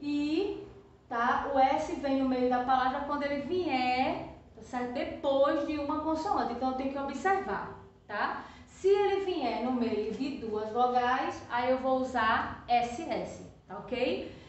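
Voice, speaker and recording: A woman teacher with a Brazilian Portuguese accent explains a lesson to young children in a patient, repetitive way, checking in after almost every phrase and drawing out each example word. Her voice sits high. She sounds far from the microphone in a very echoey room, and the sound is slightly dull. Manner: slow, drawn-out stressing of example words; refers to herself as "tia". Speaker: primary school teacher. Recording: echoey room, distant from the mic, slightly muffled.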